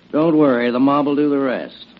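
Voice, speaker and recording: An actor playing a sly, gloating crooked schemer in an old radio western. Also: male voice, mid-range voice, fairly even intonation, normal speed, natural voice. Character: gloating crooked male schemer, the banker's partner. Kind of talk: 1940s radio acting. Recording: tinny old radio recording with hiss.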